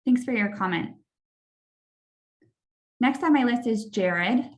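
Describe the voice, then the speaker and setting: A woman's voice: fairly high pitch, lively intonation, slow. A woman moderating an online public hearing, speaking unscripted as she runs the session.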